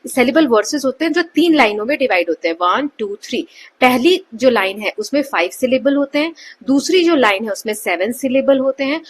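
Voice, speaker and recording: A woman explaining a textbook lesson as a teacher, with an Indian accent. She goes slowly line by line and keeps checking in with her students. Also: high voice, lively intonation, slightly rough. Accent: Indian English.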